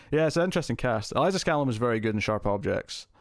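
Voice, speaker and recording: A medium-pitched man chats quickly with viewers and muses aloud while hosting a casual live stream. Picked up on a close mic with no room sound, his voice is heavily compressed to an even level.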